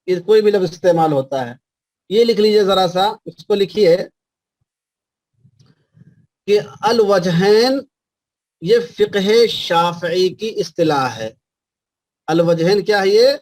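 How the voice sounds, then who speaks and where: A man from India teaching a class on Islamic law, slowly repeating references for students to write down and often checking whether they understand. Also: high-pitched, a little mellow, no room sound. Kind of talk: classroom lecture dictating notes.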